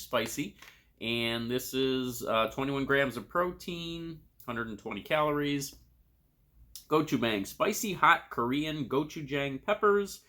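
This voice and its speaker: Bright-voiced man reviewing snacks on camera. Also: medium pitch. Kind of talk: casual food review to camera.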